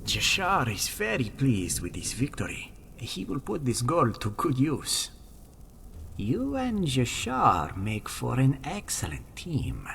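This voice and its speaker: A man's voice: mid-range voice, huge pitch swings, takes it slowly, gravelly, fairly bright tone, a little hiss or hum, heavily acted. A man voicing a proud, self-assured cat-man pit fighter with formal speech in a fantasy video game. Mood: pleased, hushed. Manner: formal, speaks of himself in third person.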